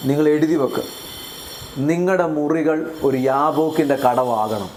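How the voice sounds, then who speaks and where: A man's voice: a little high, normal speed, darkish tone, a little hiss or hum. A man with a Malayali accent preaching a sermon as pastor, often putting questions to the congregation. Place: church.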